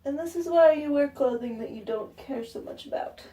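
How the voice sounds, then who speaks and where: Soft music plays behind a woman whose high, mellow voice moves at a normal speed. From her bathroom at home, she rambles through a casual how-to vlog with frequent fillers and self-mocking asides, sounding a little blocked up.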